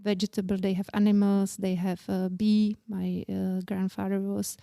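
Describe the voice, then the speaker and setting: A woman in her forties with a Czech accent, speaking English as a second language, telling about her life as an interview guest in halting, earnest sentences. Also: medium pitch, little pitch movement, gravelly, mellow, no echo, clean studio sound. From Czech Republic. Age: 40s. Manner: halting non-native English, plain and earnest. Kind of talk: casual interview.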